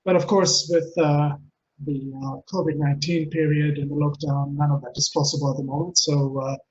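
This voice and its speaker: In dull, lo-fi webinar audio with a faint hiss, a middle-aged Israeli coach gives an earnest pre-recorded talk, hesitating often and using fillers. His accent blends Israeli with Texan, Scottish and London traits. He speaks at normal speed in a level tone, with a voice on the high side.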